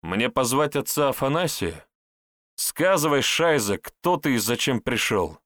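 A man's voice: on the low side, lively intonation, moderate pace, fairly bright tone, no echo, clean studio sound. A man voicing a blunt, sardonic male hero who speaks in a mocking, scornful way. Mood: threatening. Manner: mocking, scornful, plain-spoken.

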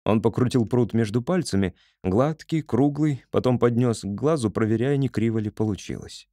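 A man narrating an audiobook with expressive storytelling. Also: mid-range voice, moderate pace, no echo, studio quality.

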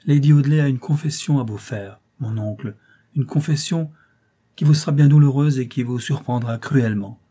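A man playing a stern young gentleman accuser. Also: mid-range voice, natural voice. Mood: grave. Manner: grave, measured accusation. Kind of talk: audiobook reading.

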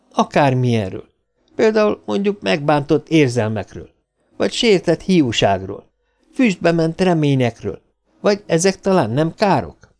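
A man reading an audiobook, voicing a sharp, mocking woman robot psychologist with a sarcastic, biting delivery. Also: fairly high pitch.

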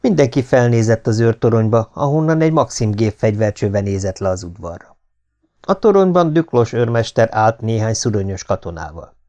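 A man giving a measured, scripted audiobook narration. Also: lowish voice, lively intonation, darkish tone.

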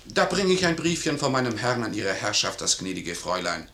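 Gruff, sly servant, low and forceful, roomy echo, radio play. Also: male voice, sing-song, fairly quick, heavily acted. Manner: blunt, insinuating. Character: blunt, loyal male manservant, gruff and sly. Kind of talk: classic stage radio play acting.

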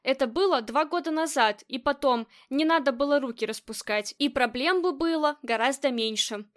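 A woman's voice: sits high, normal speed, close to an everyday voice. A woman reading as a defiant female gang boss. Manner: defiant, curt. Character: tough female gang leader, defiant and scornful.

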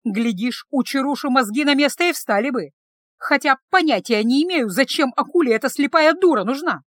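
A fierce young village woman shrieks and scolds in a high, loud voice, as a woman reader acts her out. Her pitch leaps about wildly, and the recording is dry and close. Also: animated, a little fast, no echo. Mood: furious, shrill. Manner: shrill and shouting.

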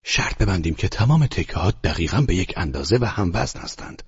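A man voicing a proud, boastful baker in a husky, lifted voice, in a dull, lo-fi audiobook recording. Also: sits low, expressive, voice pushed up, full character voice.

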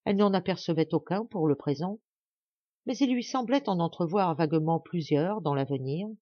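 A woman narrating a classic novel as an audiobook reader, in measured, expressive storytelling. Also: on the low side, no room sound, muffled recording.

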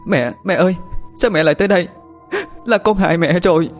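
A man's voice: high-pitched, brisk, soft background music, voice pushed up, close to an everyday voice. A man voicing a grieving young woman crying out in a tearful, pleading voice.

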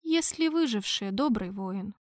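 Gentle old pope, read by a woman, soft and lowered, dry sound. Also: animated, unhurried, dry recording, close to an everyday voice. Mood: calm. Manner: soft, mild.

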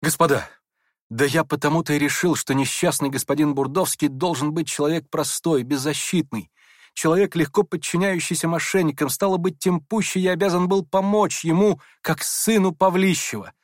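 A man's voice: a little high, steady tone, moderate pace, no echo, studio quality, natural voice. A man voicing a meek, kind young prince who speaks hurriedly and apologetically. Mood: earnest. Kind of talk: audiobook character voice.

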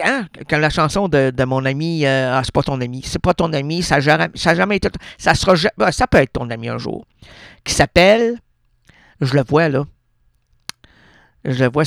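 A man's voice: fairly high pitch, vocal fry, fairly bright tone, no echo, studio quality. A man with a Québécois accent hosting a radio show, rambling freely with playful wordplay and constant self-corrections. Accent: Québécois French. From Quebec. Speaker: radio host. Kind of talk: freewheeling absurdist radio monologue. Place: radio studio.

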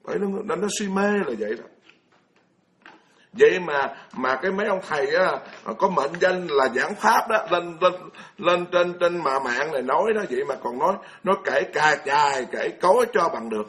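Blunt, scolding Buddhist monk, high voice. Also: male voice, lively intonation, moderate pace, fairly bright tone. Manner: blunt, scolding, full of rhetorical questions. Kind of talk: colloquial Buddhist sermon.

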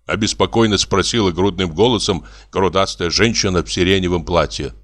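A man narrating an audiobook in a measured, expressive storytelling manner. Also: low-pitched.

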